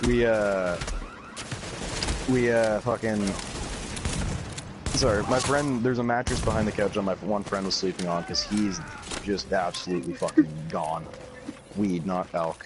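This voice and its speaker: A young man telling a rambling party anecdote, swearing constantly and getting loud when he quotes people. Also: lowish voice, unhurried, pauses often. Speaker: storyteller. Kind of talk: casual anecdote to camera. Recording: loud steady background noise.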